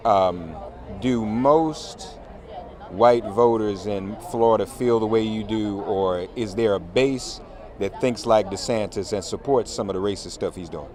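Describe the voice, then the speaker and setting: A man's voice: lowish voice, measured pace, a little mellow. A man hosting street interviews, asking direct, blunt questions outdoors at an election event. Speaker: host and street reporter. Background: crowd.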